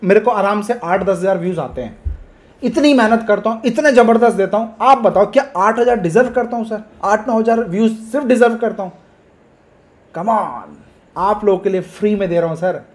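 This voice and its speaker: A man's voice: high voice, normal speed. Casting: male trading-channel host, hyped and emphatic, mixes English, pleads with viewers. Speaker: stock market trading educator. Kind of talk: energetic market commentary to camera.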